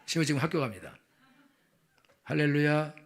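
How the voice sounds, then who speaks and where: A middle-aged male pastor preaching an evening sermon in a lively, joking way, acting out little dialogues. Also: fairly high pitch, moderate pace, vocal fry. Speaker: senior pastor.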